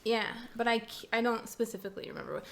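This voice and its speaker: A young woman from Canada co-hosting a podcast, telling animated stories in casual chat, swearing freely and laughing often. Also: a little high, quick pace. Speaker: podcast co-host.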